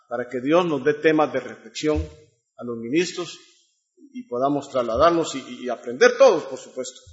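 A man's voice: on the high side, highs cut off. A man preaching a sermon, reading scripture and asking the congregation rhetorical questions.

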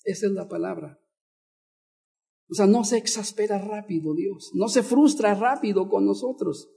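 Man, sermon, high pitch, mellow tone, repeats words, questions the congregation. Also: moderate pace, vocal fry. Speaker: pastor.

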